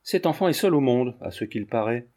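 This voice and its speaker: A man voicing a haughty foreign countess who speaks in a cool, measured, dismissive way. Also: mid-range voice, animated, mellow, natural voice.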